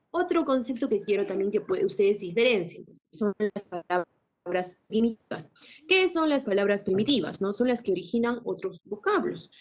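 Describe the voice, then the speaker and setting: A woman teacher gives a classroom lecture at an ordinary mid pitch. She keeps asking her students tag questions and clears her throat now and then. The recording sounds dull and lo-fi. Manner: asks frequent tag questions.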